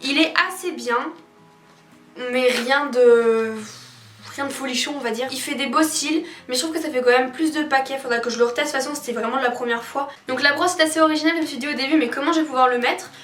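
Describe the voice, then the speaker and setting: A woman with a high-pitched voice talks casually, like a beauty vlogger sharing frank product opinions. She speaks in colloquial, opinionated chat. The room adds noticeable echo, and music plays faintly behind her. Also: steady tone, fast talker, a bit bright, far from the mic. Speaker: beauty vlogger reviewing a subscription box.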